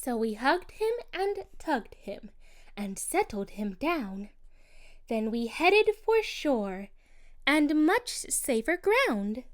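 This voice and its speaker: A woman reading a rhyming children's picture book aloud as narrator, in a slow, expressive, sing-song delivery. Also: high-pitched. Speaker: storybook narrator.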